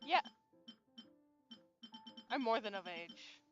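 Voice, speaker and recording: Twentysomething woman streamer, high animated voice, says like a lot, faint music under her. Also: slow pace, dull audio. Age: 20s. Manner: chatty, laughs easily, lots of "like". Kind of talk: casual gaming stream chat.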